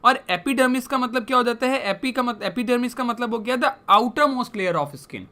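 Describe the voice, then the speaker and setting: A woman's voice: a little high, moderate pace, sharp tone. A young woman teaching English vocabulary in a lesson, explaining each word and putting questions back to her students.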